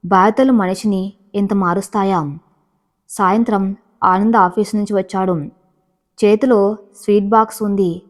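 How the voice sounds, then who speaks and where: A woman narrates a romantic novel aloud in a steady, even storybook reading. Her voice sits at an ordinary middle pitch. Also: normal speed, pauses often.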